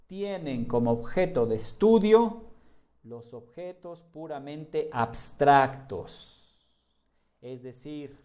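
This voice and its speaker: A man teaching a live online class, lively and repetitive, asking his students questions and then answering them himself. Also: medium pitch. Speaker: online high school tutor.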